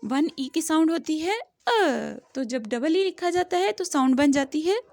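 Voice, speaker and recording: A woman with a Pakistani accent teaches young children phonics, patiently sounding out each letter. Her voice sits high, and her delivery is unhurried and deliberate. The sound is close and dry. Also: expressive, a little mellow, no room sound. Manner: addresses the child as "beta".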